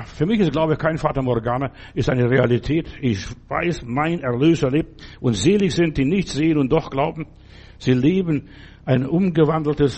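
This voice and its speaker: A man's voice: a little high, darkish tone, breathy edge. A man preaching a sermon in an emphatic, repetitive way, often speaking straight to his listener.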